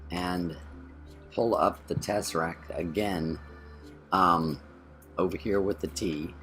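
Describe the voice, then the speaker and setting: A gameplay channel co-host gives casual commentary, thinking aloud as he plays and correcting himself mid-sentence. His deep voice has a fairly bright tone.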